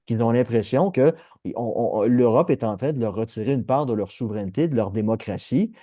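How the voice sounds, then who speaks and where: A man with a Québécois French accent hosts a political podcast, working through his views in an analytical, discursive way full of hesitations and restarts. His mid-range voice is mellow and brisk. The sound is clean studio audio with no room echo.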